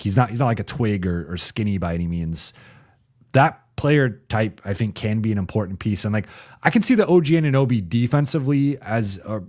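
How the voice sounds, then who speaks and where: A man hosts a relaxed basketball livestream as a sports reporter and channel host, offering casual live-chat analysis in a loose, conversational way with frequent restarts while reading viewer comments aloud. His fairly low, slightly mellow voice turns raspy the longer he talks. He's recorded on a home streaming mic.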